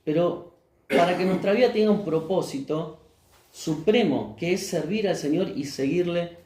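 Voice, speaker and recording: A man with a Rioplatense accent preaches a sermon as pastor. His voice sits somewhat high but sounds mellow and warm. He keeps asking the congregation questions and then answering them, and the sound carries the echo of a roomy church. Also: normal speed. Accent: Rioplatense Spanish. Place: church hall.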